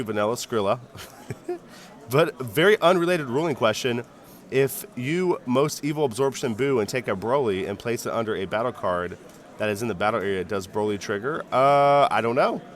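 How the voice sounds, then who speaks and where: Chatty animated male card game commentator. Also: mid-range voice, moderate pace. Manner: chatty, greets and reads chat aloud, jokey. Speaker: stream commentator and host.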